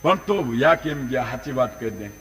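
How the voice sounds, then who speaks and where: A man voicing an eager, bossy village devotee who gives hurried orders to his wife in a folk tale. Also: medium pitch, lively intonation, a bit bright, voice pushed down. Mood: suspicious. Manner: commanding, hurried.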